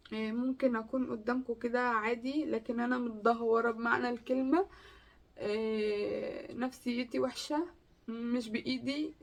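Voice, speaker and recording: A young woman with an Egyptian Arabic accent, telling a personal story in a vlog, halting and tearful with many restarts. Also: a little high, vocal fry, distant mic. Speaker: vlogger.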